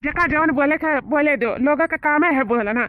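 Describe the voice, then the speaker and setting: A woman's voice: sits high, normal speed, dry recording, close to an everyday voice. A woman playing a smug flirtatious village man. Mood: flirting. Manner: wheedling, boastful. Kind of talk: comedy sketch acting. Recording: tinny phone-like sound.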